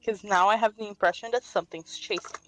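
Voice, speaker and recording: A woman's voice: medium pitch, steady tone, fast, rough recording. A woman playing a tabletop game, describing her character's moves in a blunt, casual way and swearing freely. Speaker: player.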